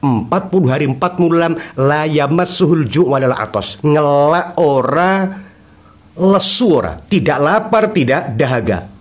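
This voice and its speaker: A man preaches in a lively, storytelling way, acting out the people in his tales. His voice sits a little high and swings widely in pitch as he teaches a religious text. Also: a little slow. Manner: animated storytelling, acting out dialogue, frequent laughter from listeners. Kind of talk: humorous Javanese sermon lesson. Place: religious study gathering.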